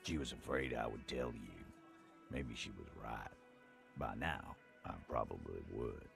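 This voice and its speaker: A man voicing a gruff, weary middle-aged union boss in a detective video game, giving curt, guarded replies. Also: rumbling low, lively intonation, a little slow, fairly bright tone, soft background music, full character voice. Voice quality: gravelly.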